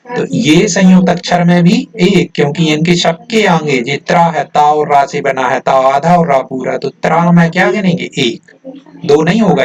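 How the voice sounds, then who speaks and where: A man's voice: on the high side, recorded from a distance. A male teacher explaining a grammar lesson to students in a patient, explanatory manner, often checking with "है ना" and "ठीक है".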